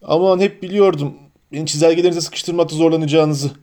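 A man voicing a huge, gruff but soft-hearted half-giant groundskeeper in an audiobook, grumbling and sulky. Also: on the high side, fairly even intonation, fast talker, close to an everyday voice. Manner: grumbling, sulky, then sobbing.

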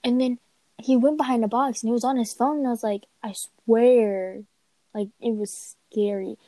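A teenage girl co-hosting a casual podcast, telling a story in halting, self-interrupting bursts. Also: a little high, warm tone, no room sound. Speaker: podcast co-host. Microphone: home mic, recorded remotely.

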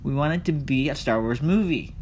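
On his casual solo podcast, a man chats with his listeners directly in a slightly mellow voice, speaking a bit fast with lively intonation. Low background rumble makes the audio noisy.

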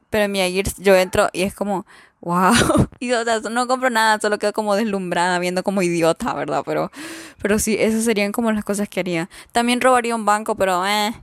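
Young Guatemalan woman, mid-pitched, rambling casual vlogger, dry close sound. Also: no echo. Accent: Guatemalan Spanish. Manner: rambling, chatty, frequent fillers and laughs. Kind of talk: casual chat reading viewer answers.

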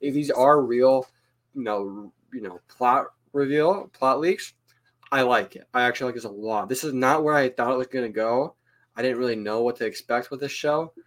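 A man's voice: medium pitch, normal speed. Rambling opinionated man on a podcast. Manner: rambling, opinionated, leans on filler tags. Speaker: podcast co-host. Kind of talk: casual fan podcast chat.

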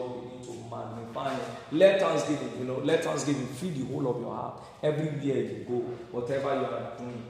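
A man's voice: medium pitch, darkish tone, a little hiss or hum. A man, a pastor, leading morning prayer from a pulpit microphone, urging the congregation with repeated phrases and questions. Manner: repetitive, exhorting, asks the congregation questions. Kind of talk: exhortation and prayer. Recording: echoey hall, distant mic, faint ambience.

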